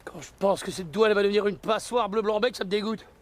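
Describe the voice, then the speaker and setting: An actor playing an aggressive, bigoted border customs officer in a film scene. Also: male voice, high-pitched, quick pace, lightly acted. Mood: scornful.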